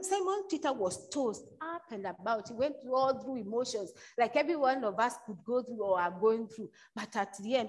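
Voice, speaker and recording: This woman preaches with a fairly high voice, captured in poor audio. Her delivery is casual and conversational, full of restarts and "you know," with some points pushed out more loudly than the rest.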